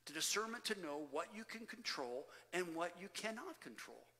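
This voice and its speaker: A man's voice: high-pitched, big pitch swings, sharp tone. A man preaching a sermon as pastor, speaking emphatically to his congregation and often calling them loved ones. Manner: emphatic preaching, rising and falling with pauses. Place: church sanctuary. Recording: church hall reverb.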